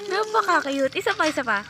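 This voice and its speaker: A woman's voice: very high-pitched, very noisy. A young woman filming her family at home on a phone, playful and laughing often as she coaxes a little child. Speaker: older sister filming family. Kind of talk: casual home video chat. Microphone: phone camera.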